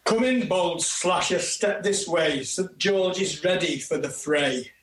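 A man's voice: high-pitched, takes it slowly, a bit bright. A man playing the announcing presenter, declaiming rhymes in a comic folk play. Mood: heralding. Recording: echoey room.

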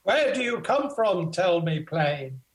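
Man playing a high, echoey, blustering old king. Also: big pitch swings, slow, heavily acted. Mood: impatient. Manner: theatrical, declamatory. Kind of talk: comic mummers' folk play, declaimed. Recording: echoey room.

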